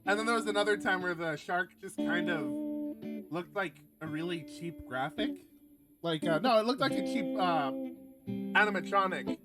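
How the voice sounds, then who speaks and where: A man with a high-pitched, expressive voice speaks at normal speed while streaming a game. He reads aloud with casual, wry, sweary asides, occasionally tripping over his words, as the game's guitar music plays behind him.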